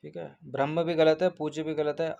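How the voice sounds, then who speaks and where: A man's voice: fairly high pitch, level tone, fairly quick, vocal fry, warm tone, muffled recording. A man working through an exam paper as a teacher, going point by point, repeating each answer and checking in with his students.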